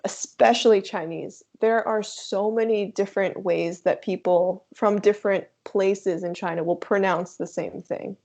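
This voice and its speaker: Young woman, guest, vocal fry, chatty, muffled lo-fi sound. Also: mid-range voice, unhurried, few pauses. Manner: chatty, animated, filler-heavy. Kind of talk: casual chat. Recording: dull lo-fi sound.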